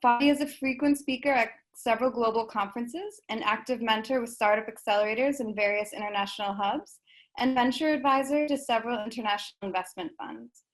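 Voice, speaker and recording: A woman hosting an online interview session, reading a prepared introduction in an even, organized way over a video call. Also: a little high, fairly quick. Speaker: host of an online speaker session.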